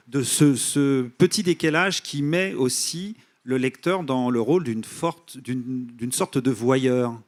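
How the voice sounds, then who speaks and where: A man moderating a literary interview, presenting a book and putting questions in hesitant, drawn-out phrases with many pauses. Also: medium pitch.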